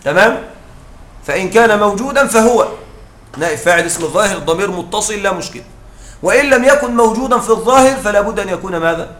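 A man teaching a grammar lesson, often checking that his students follow and reciting quoted lines slowly. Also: sits high, expressive, a bit bright, reverberant. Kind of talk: classroom lesson explaining a text.

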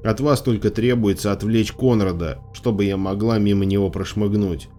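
A male audiobook reader voicing a stubborn, determined young girl, pitched a little higher than his own voice. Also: fairly even intonation, moderate pace, warm tone, natural voice. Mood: insistent. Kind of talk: audiobook character voice.

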